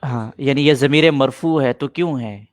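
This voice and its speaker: A man's voice: medium pitch, dry recording. Patient man teaching grammar, dry sound. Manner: patient, repeats points and answers students' questions. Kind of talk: classroom grammar lesson.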